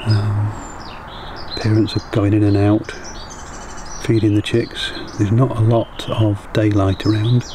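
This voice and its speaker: Low-voiced man vlogging quietly outdoors. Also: little pitch movement. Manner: quiet, hushed and unhurried, keeping noise down for wildlife. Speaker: bird tour guide and wildlife photographer. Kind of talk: casual vlog narration to camera. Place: outdoors in woodland and moorland. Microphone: camera-mounted mic, close selfie framing. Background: background music and birdsong.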